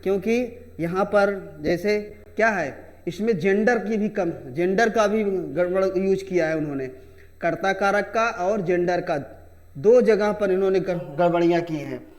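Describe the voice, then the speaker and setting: A man's voice: high-pitched, a little slow. A man teaching a Hindi grammar lesson to students, repeating key phrases and calling them children.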